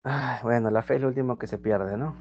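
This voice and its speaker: A man with a Peruvian accent teaching a grammar class online, reading example sentences slowly and loudly, then dropping to quiet asides. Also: medium pitch, dry recording. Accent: Peruvian Spanish. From Peru. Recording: dull dry lo-fi sound.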